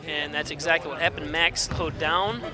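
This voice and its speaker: A middle-aged man calls a high school basketball game in a chatty, joking way, his fairly high voice jumping up on big plays. A loud gym crowd roars behind him throughout. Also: steady tone, normal speed. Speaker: play-by-play commentator. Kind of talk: local sports commentary. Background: loud crowd and bouncing basketballs.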